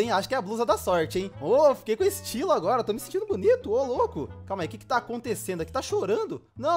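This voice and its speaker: A Brazilian man calls out his gameplay in a lively, bouncy voice that leaps up and down in pitch. He exclaims and jokes straight to his viewers, with soft music playing faintly underneath. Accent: Brazilian Portuguese. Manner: excitable, exclaiming and joking to the viewer. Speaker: gaming YouTuber. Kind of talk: playful gameplay commentary.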